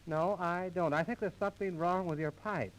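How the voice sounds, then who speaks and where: Captured on an old 1930s radio transcription disc with music in the background, this low-quality recording features an American comedian from a singing comedy duo. He delivers radio comedy patter and mock recitation in a high voice at normal speed, with a folksy, mock-formal showman's manner.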